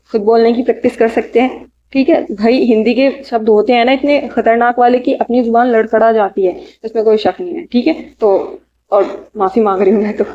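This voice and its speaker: A woman teaching exam vocabulary, listing synonyms in short bursts and adding quick study tips. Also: fairly high pitch, highs cut off. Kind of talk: reading out synonym lists for an exam lecture.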